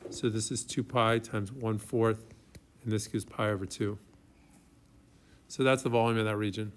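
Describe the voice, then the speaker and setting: A math professor teaches his class, thinking aloud as he writes and working through problems while informally checking in with students. He has a lowish voice, a steady tone and a moderate pace.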